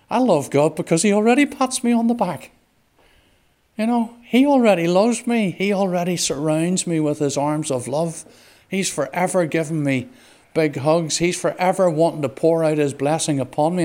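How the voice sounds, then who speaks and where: Male preacher, slightly high voice, earnest and repetitive, slows down for scripture readings. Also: a little mellow. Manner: earnest, emphatic, repeats phrases. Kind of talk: devotional sermon.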